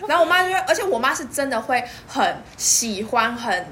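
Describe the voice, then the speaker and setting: A young woman with a Taiwanese Mandarin accent, a podcast guest telling lively stories and laughing often. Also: fairly high pitch, fairly quick. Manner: lively storytelling, laughs often, acts out quotes. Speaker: guest, pork stall worker. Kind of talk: casual podcast chat.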